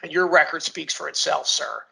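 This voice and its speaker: Gravelly guy hosting a slide talk, bright punchy voice, folksy and emphatic. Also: on the high side, steady tone, moderate pace. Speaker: presenter and moderator of a launch event. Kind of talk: informal slide presentation.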